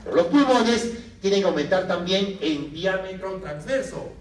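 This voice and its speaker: A man lecturing a medical class, lively, asking the students questions and answering them himself. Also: a little high, slight background noise. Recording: echoey room from a distance.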